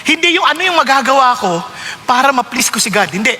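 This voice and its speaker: A Filipino pastor with a very high, bright voice preaching in a reverberant hall. He mixes Tagalog and English and keeps asking his listeners questions, with faint room noise behind him. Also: very animated, fast. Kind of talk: sermon.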